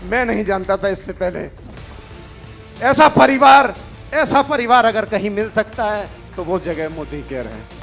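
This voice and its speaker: A middle-aged man, giving a fervent stage motivational speech that swings between quiet intimate passages and loud shouts. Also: sits high, expressive, a little slow, creaky, faint music behind. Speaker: motivational speaker.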